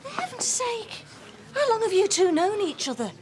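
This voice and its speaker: A woman's voice: extremely high pitch, very animated, moderate pace, background noise. An actress playing an exasperated woman, pleading for peace and defending a friend.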